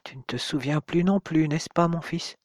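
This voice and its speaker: A gentle father in his fifties who pleads quietly and evenly, voiced by a male narrator. His voice stays soft and low-key, recorded dry and close. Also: moderate pace, no echo, close to an everyday voice. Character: older father, calm and gently insistent.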